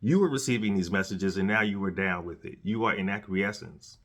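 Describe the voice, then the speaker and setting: A man with a lowish voice delivers a solo commentary in a casual but preachy way. He presses his points by repeating phrases and often stops to restart a sentence. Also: a little fast, fairly bright tone. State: dry mouth, has candy in his mouth. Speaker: podcast host.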